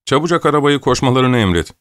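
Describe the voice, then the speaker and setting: A man's voice: medium pitch, lively intonation, fast, fairly bright tone, no room sound, studio quality, voice pushed up, close to an everyday voice. A man voicing an imperious, fussy old countess who scolds and orders people about in an audiobook. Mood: scolding. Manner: scolding, peevish, bossy. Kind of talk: audiobook character voice.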